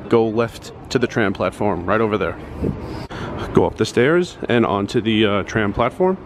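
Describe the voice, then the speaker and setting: A man in his thirties with a lowish voice and moderate pace leads viewers on foot, camera held out at arm's length, from casino halls inside to a sidewalk along a highway with traffic behind. He gives plain, casual, step-by-step walking directions, pointing the way as he goes.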